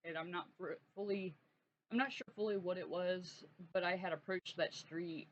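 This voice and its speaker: A woman hosting her own channel, telling a personal story in a halting, earnest way with many restarts. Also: lowish voice, steady tone. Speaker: art channel host. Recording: dull lo-fi sound with faint noise.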